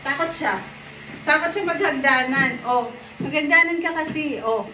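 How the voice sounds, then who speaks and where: High-voiced woman vlogging at home. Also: normal speed, music in the background, low-quality recording. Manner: coaxes her puppy in a high sing-song voice; chatty, talks to viewers while doing chores. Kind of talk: casual home vlog. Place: home indoors, stairs and rooms.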